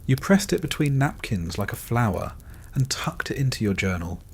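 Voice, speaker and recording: A man narrating a scripted bedtime story in a calm, dryly wry second-person voice. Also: mid-range voice, moderate pace, slightly rough.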